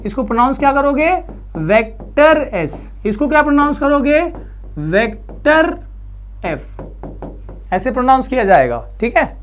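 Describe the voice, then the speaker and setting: A male physics teacher from India giving a classroom lecture, chatty and coaxing, asking questions and answering them himself. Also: very high voice. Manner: coaxing, reassuring students.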